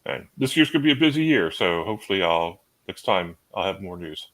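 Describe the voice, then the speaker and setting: A man's voice: deep voice, very animated, fairly quick, a bit bright, rough recording. A man introducing himself casually and hesitantly as an author on a panel.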